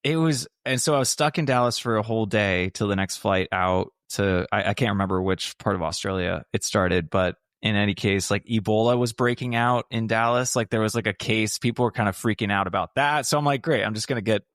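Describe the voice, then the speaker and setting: A man co-hosting a podcast as the drummer, telling stories in a relaxed way and laughing along. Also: fairly low pitch, fairly quick, hardly any pauses, clear, resonant tone, no room sound, clean studio sound. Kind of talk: casual podcast chat.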